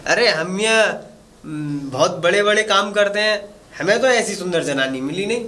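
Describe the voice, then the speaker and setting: A man's voice: high voice, expressive, normal speed, bright, forceful tone, slight background noise. A man acting in a rural comedy sketch as a boastful, flirtatious village bachelor who teases and drawls his words.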